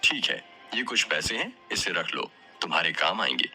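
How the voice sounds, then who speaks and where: A man voicing a kind, generous older mother in an audio story, talking warmly and affectionately. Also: sits low, big pitch swings, moderate pace, breathy edge, faint music behind, heavily acted. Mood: warm, motherly.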